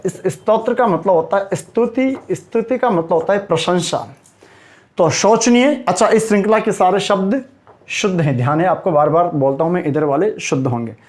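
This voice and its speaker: Hindi teacher drilling words at a whiteboard. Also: male voice, high-pitched, a little mellow. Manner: asks rhetorical questions and answers them himself; calls listeners "sir" and "buddy" in a friendly way. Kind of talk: whiteboard lecture for exam students.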